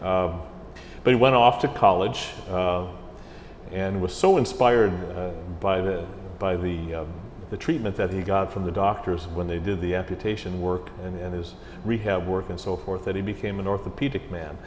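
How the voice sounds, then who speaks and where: A middle-aged man, a music director in an interview, telling stories in a chatty, animated way. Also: sits low, moderate pace. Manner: chatty, animated, slips into mimicked voices. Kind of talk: casual interview storytelling. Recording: roomy hall echo with faint ambient hiss.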